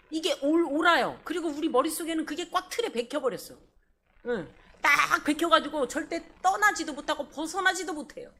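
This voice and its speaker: A woman pastor preaching a sermon, animated and asking the congregation questions. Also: high voice, slight background noise. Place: church service.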